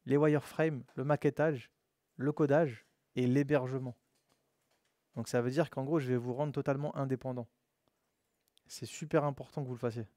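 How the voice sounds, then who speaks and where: A man's voice: mid-range voice, no echo. A man teaching web development in a casual, slangy live classroom lesson, speaking directly to his students. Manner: relaxed and slangy, addresses students as "les gars".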